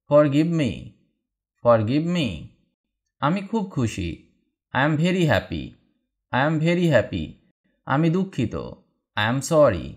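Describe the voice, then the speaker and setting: A man teaching spoken English, reading each short sentence and then repeating the English slowly and deliberately. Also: mid-range voice. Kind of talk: slow read-aloud drill lesson.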